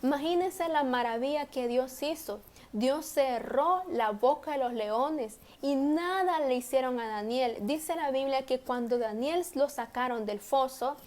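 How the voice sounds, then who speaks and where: A woman teaching a children's Bible class, telling the story slowly and simply, often correcting herself mid-phrase. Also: high-pitched, darkish tone. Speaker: Sunday school teacher.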